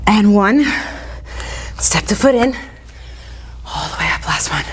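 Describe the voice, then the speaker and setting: A woman's voice: low-pitched, expressive, moderate pace, husky. A woman working as an aerobics instructor, out of breath as she counts reps and gives short, encouraging workout commands. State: out of breath from exercising. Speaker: fitness instructor.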